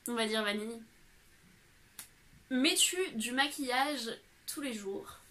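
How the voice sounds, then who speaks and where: A young woman from France answers her viewers' questions in a loose, chatty vlog. Her voice is bright and a little high, and she fills her talk with small hesitations. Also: slow. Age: young adult. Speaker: vlogger. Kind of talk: casual Q&A vlog.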